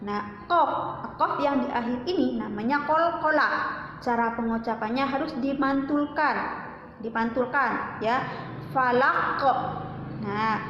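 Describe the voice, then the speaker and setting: A woman religious teacher giving a slow, patient Quran recitation lesson to children, repeating sounds as drills. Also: high-pitched, a little hiss or hum. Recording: roomy echo, dull lo-fi sound.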